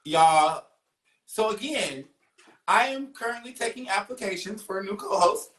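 A woman's voice: mid-range voice, expressive, normal speed. A woman hosting a casual chat show, teasing her guests and laughing often. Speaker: podcast host. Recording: echoey room, distant mic.

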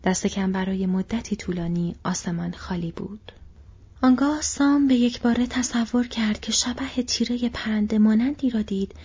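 A woman narrates an audiobook in a very breathy, near-whispered voice, soft and hushed throughout. The sound is dull and lo-fi, lacking any crispness. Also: mid-range voice. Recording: dull lo-fi recording.

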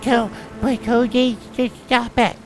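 A man voicing a small, timid toy teddy bear in a high baby voice, as part of a spoken story. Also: flat delivery, slow, over music, full character voice. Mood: scared, whiny.

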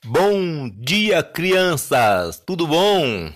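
A woman voicing a jolly middle-aged uncle who greets children and sings in a gravelly, rushed way, heard from off the mic. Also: deep voice, big pitch swings, pitched below the performer's own voice, heavily acted. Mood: greeting.

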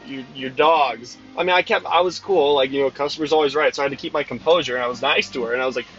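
A man's voice: fairly high pitch, rapid-fire, fairly bright tone. A twenty-year-old man telling a casual, profane, exasperated story about his snow cone truck job. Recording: dull lo-fi sound with faint music.

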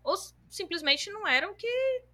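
A woman hosting a podcast, reading listener comments aloud and chatting, running one thought into the next with hardly a pause. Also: very high voice, sing-song, bright, forceful tone. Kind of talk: casual chat.

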